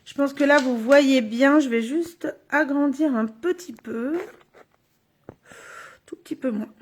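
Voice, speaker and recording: High-voiced chatty woman crafting live. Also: slow pace, darkish tone. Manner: chatty, thinks aloud while working. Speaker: card-making demonstrator. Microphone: phone or camera on a stand.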